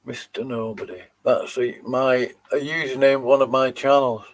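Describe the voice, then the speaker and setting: A man's voice: mid-range voice, moderate pace. A man hosting his channel, mocking and dismissive as he comments on video clips he plays. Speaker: channel host reacting to videos. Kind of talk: live commentary on played clips.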